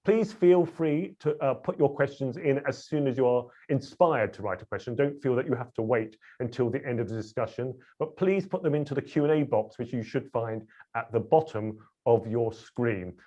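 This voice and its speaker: A man's voice: mid-range voice, moderate pace, hardly any pauses, mellow. A man hosting a webinar, chatty and a little self-deprecating, with frequent fillers. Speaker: webinar host. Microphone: video call. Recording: dull lo-fi video call audio.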